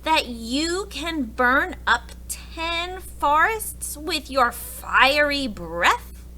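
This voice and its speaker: A woman voicing a bold, clever storybook princess, eager and challenging as she flatters. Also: high voice, very slow, pitched above the performer's own voice, exaggerated voice. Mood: eager, flattering.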